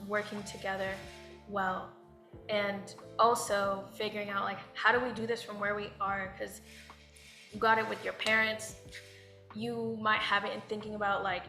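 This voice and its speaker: An American woman appears as a panel guest, talking reflectively and loosely with many fillers. Her medium-pitched voice sounds bright and pushed, and the panel discussion is recorded in an echoey room.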